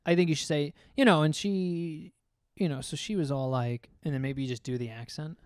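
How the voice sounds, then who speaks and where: Young guy on a podcast, kinda high voice, blunt jokey talk, dry close sound. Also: a little fast, a little mellow, smooth, no echo. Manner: joking, blunt, swears freely. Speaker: podcast co-host. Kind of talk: casual chat.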